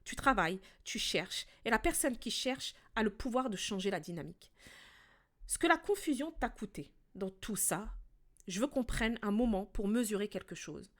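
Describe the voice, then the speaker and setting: A woman hosting a relationship podcast, talking calmly and directly to the listener as a coach in a scripted monologue. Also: mid-range voice, normal speed.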